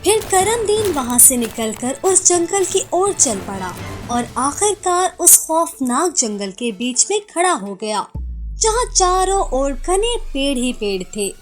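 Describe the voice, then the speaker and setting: Brief: dramatic female story narrator, bright animated delivery. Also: high-pitched, measured pace, faint music behind.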